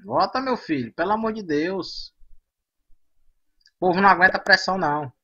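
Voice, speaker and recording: A man hosting a gaming channel, chatting excitedly to himself and his viewers over gameplay. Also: high-pitched, normal speed, lo-fi sound. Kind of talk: casual gameplay commentary.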